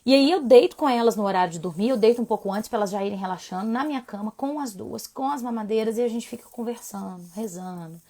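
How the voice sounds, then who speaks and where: A woman, a child sleep doctor chatting casually through a live Q&A, animated and talkative. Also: fairly high pitch, fast talker, hardly any pauses. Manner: animated, chatty, swinging between soft asides and emphatic bursts. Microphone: phone mic on a social media live stream.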